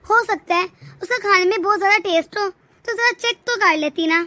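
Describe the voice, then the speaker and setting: A stern, lecturing middle-aged mother-in-law from a cartoon family story, voiced by a woman. She nags and scolds in a high, bright voice. The sound is dry and close. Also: fairly quick, no echo. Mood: coaxing. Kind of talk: cartoon voice acting.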